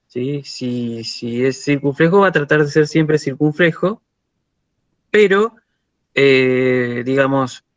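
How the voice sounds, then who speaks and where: A man's voice: on the high side, no room sound. A man with an Argentine Spanish accent, teaching a university lecture and often checking in with "¿sí?" while he thinks aloud.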